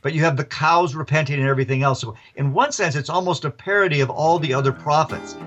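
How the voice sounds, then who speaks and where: A man, an author and professor, telling stories as a radio interview guest in a lively, chuckling way. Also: on the high side, quick pace, lo-fi sound, faint music behind.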